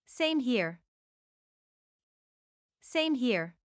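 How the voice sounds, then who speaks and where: A woman reading short practice phrases aloud for learners, saying each one several times in a deliberate, even way. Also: a little high, clean tone, dry recording, clean studio sound. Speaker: English phrase reader.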